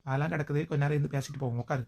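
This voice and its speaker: A woman's voice: low voice, steady tone, racing, gravelly, a little mellow. A woman in a village comedy skit, talking in a coaxing, gossipy neighbourly way.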